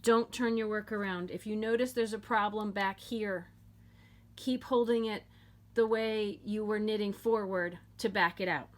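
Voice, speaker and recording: A woman's voice: medium pitch, steady tone, unhurried. A woman talks through a knitting tutorial from her home, with an easygoing, chatty delivery. She jokes along the way and repeats key points as she works. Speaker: knitting teacher.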